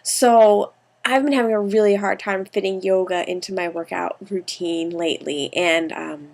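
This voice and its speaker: A woman's voice: mid-range voice, steady tone, normal speed, darkish tone. A young American woman in her twenties talking casually to camera in a home video diary, rambling with lots of ums and little laughs. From United States. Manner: chatty, rambling, with frequent ums and small laughs. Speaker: vlogger.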